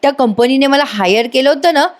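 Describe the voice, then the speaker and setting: A woman reads out a young daughter fed up with her lot, pleading and complaining, voice pitched up a little above her own. It is a TV serial recap read aloud, the voice higher than average, acted only lightly. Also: brisk, natural voice. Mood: upset.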